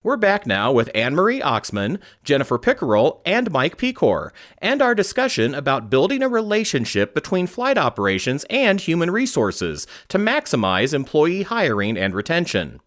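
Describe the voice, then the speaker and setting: A man hosting a podcast, introducing guests and putting questions to them in a lively way. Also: a little high, normal speed, hardly any pauses. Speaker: podcast host. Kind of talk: podcast interview moderation.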